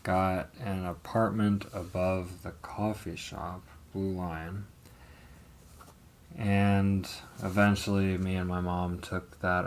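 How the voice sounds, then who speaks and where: A man with a low, gravelly voice talks slowly through his past on a live stream, trailing off and restarting with plenty of ums. Faint noise hums behind him. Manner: slow, rambling, hesitant with many ums and swearing. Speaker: livestream host telling his life story. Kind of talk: casual live testimony.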